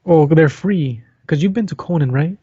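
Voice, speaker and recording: A man's voice: on the high side, normal speed, dark tone, husky, no room sound, lo-fi sound. A man co-hosting a podcast, telling a story in easygoing casual chat. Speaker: podcast co-host.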